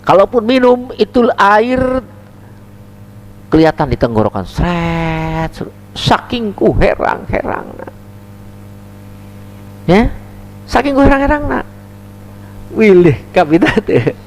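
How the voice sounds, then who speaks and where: Animated preacher. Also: male voice, high voice, slow pace, long pauses, a little hiss or hum. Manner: animated storytelling, acts out the characters in the stories. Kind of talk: sermon.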